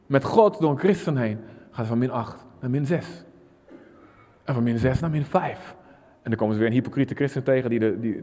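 Passionate preacher in a reverberant hall. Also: male voice, mid-range voice. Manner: passionate, swings from hushed to shouting. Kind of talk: sermon.

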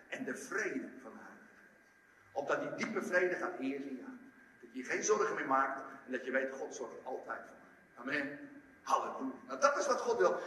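A man preaching a sermon, lively, acting out the story in voices. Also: high voice, a little hiss or hum. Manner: animated, acts out the story in voices. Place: large church hall. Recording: echoey hall, from far off.

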